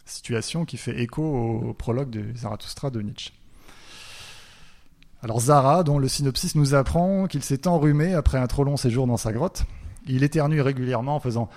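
A man gives a lecture with a gravelly, creaky voice at a middle pitch. He hesitates often, repeating words and filling pauses. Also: a little mellow.

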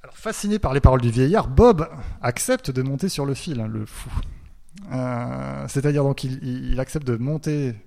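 A man gives a lecture with a gravelly, creaky voice at a middle pitch. He hesitates often, repeating words and filling pauses. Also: dark tone.

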